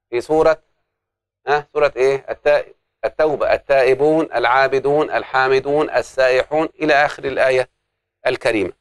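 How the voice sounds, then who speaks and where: A man's voice: medium pitch, a bit bright, no room sound, clean studio sound. A man teaching an Arabic grammar lesson, explaining step by step and putting questions to the class that he answers himself.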